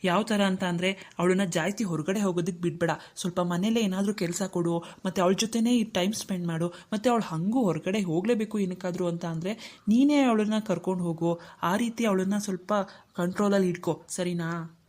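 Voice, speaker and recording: A woman's voice: lowish voice, a little fast, a little mellow, lightly acted. A woman voicing a worried young husband and protective older brother in a cartoon, speaking earnestly. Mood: instructing. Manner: earnest, troubled. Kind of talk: cartoon dialogue acting.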